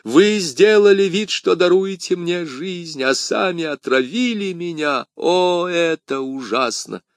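A man voicing a poisoned young soldier in anguish, crying out in a high strained voice. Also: very animated, a little slow, gravelly, a bit bright, dry recording, studio quality, exaggerated voice.

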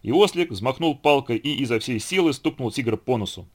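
A man narrating children's fairy tales in an expressive, melodic reading. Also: medium pitch, a little fast. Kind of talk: storybook reading.

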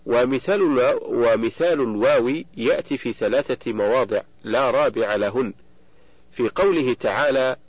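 A man giving a steady, measured audiobook reading of a book on Quran recitation rules, slowing down on quoted verses. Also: mid-range voice, breathy edge, no room sound. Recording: dull lo-fi dry recording.

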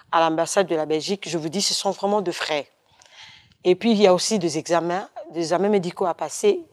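Middle-aged woman from Congo, low-pitched, hesitant testimony voice with frequent pauses. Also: darkish tone. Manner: hesitant, many fillers and restarts. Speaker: testimony speaker. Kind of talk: recorded personal testimony.

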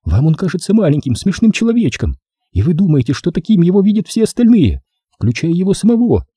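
A fierce, volatile young actress, as a male narrator puts her on, her voice thin, girlish and pushed far above his own. She screams and snaps in a shrill, hysterical way, and her delivery swings widely in pitch. The audiobook reading is dry and close, with no room around it. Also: wildly swooping pitch, brisk, warm tone, husky, no room sound, exaggerated voice. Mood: bitter.

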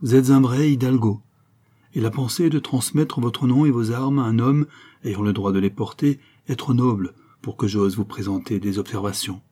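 A man's voice: mid-range voice, moderate pace, dark tone, slightly rough, close to an everyday voice. A man reading an audiobook, voicing a proud and resolute young Spanish noblewoman who pleads earnestly and speaks firmly. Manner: earnest and pleading, then firm.

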